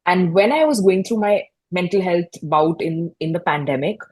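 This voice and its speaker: A woman's voice: lowish voice, normal speed, darkish tone. A young woman, a guest in a fireside chat, reflecting on her own experiences in a personal, storytelling way with frequent restarts. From India. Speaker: guest, mental health podcast host.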